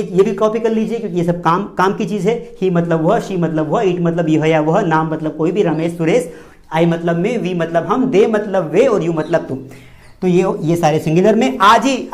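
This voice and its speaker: A man with a Hindi accent teaches spoken English in a classroom-style video lesson. He keeps asking his students questions and then answers them himself. He repeats each key word to drive it home. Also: sits high.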